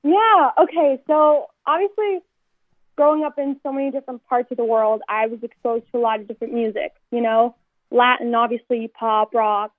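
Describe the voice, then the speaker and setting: A woman's voice: a little high, normal speed, no room sound. Chatty young woman on a tinny phone line. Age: 20s. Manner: chatty, upbeat, storytelling. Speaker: singer guest. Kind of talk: phone-in radio interview.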